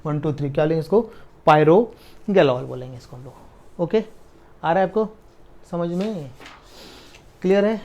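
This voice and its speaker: A man teaching a chemistry lesson at a board, dictating notes slowly word by word and checking that students follow, with in the technical terms. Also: a little high, animated, mellow, lo-fi sound. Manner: slow dictation, drawn-out words, frequent checks for understanding.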